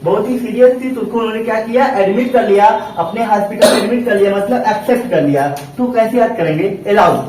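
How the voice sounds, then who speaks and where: A man's voice: high voice, fast talker, few pauses, darkish tone, slight background noise. A male teacher giving a vocabulary lesson in a classroom, asking questions and answering them himself. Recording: very echoey room, distant mic.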